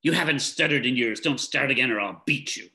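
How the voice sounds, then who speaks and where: A man reading the lines of a sharp-tongued, curt old witch from a book. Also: mid-range voice, a little fast. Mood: snappish. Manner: curt, snappish.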